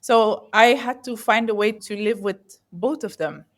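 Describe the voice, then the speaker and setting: A woman's voice: mid-range voice, a little slow. A woman who grew up in the Netherlands, a guest in an interview, talking in an earnest, reflective way and often searching for words. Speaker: guest entrepreneur.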